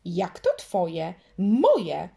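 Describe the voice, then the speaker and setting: A stubborn, quarrelsome little girl from a storybook, as a woman reader puts her on. The voice is raised well above the reader's own and pushed loud and whiny. It sounds like a child who insists she is right. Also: a little high, expressive, measured pace, voice pushed up. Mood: indignant. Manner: whiny, shouting, indignant.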